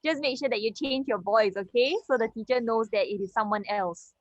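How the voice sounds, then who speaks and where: A woman's voice: on the high side, a little fast, no echo, dull audio. A woman with a Singaporean English accent teaching an English reading class, explaining step by step and checking in with her students. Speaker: English tutor. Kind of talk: online class lesson.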